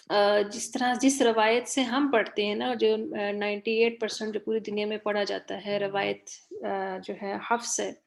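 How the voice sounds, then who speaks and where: A woman's voice: a little high, vocal fry. A woman teaching a Quran recitation class online, patiently correcting a student's pronunciation and repeating words.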